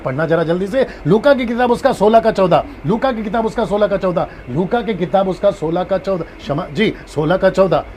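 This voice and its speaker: A man's voice: high-pitched, darkish tone, a little hiss or hum. A man preaching as a pastor in a live-streamed Bible teaching, who repeats his key points and acts out different tones of a phrase.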